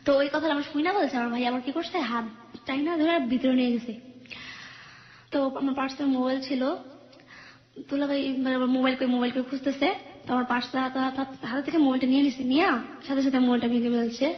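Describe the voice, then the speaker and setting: A young woman phones in to tell her life story, rushing through it in a high, quick voice. She acts out the arguments in her family as she goes. The sound is roomy and dull, like a lo-fi recording. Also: fairly even intonation. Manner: rapid, earnest retelling that acts out family quarrels. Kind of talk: personal story told on a call-in radio show.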